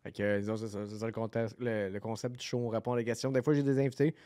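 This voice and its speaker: A man's voice: on the low side, level tone, rapid-fire, mellow, no room sound. A man with a Québécois accent hosting a podcast, joking and teasing in loose chat. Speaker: podcast host. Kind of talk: casual chat.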